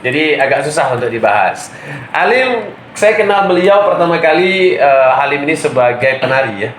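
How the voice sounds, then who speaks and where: A man in his thirties with a Riau Islands Malay accent hosts a casual podcast chat, his voice sitting fairly high. He teases his guest and laughs often. The sound is echoey, with a faint hiss underneath. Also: normal speed. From Riau Islands, Indonesia. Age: 30s. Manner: teasing, laughs often, energetic greetings. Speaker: podcast host. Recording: echoey room with faint noise.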